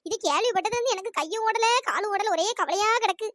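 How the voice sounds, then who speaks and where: Chipmunk-high gossiping women. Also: no room sound, studio quality. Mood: gossipy. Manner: excited, gossipy, rapid chatter. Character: chattering gossiping village women neighbours. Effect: sped-up high-pitched cartoon voice.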